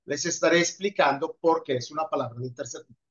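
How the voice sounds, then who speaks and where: A man's voice: fairly high pitch, quick pace. A man teaching an Italian class over a video call, patiently answering students' questions and praising them often. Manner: patient, encouraging, repeats praise. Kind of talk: online class Q&A. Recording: muffled video call audio.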